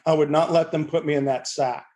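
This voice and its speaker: A man's voice: a little high, fairly even intonation, normal speed, a little mellow. A middle-aged or older man talking casually on a panel in a blunt, salty, joking way. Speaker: fire service podcast panelist.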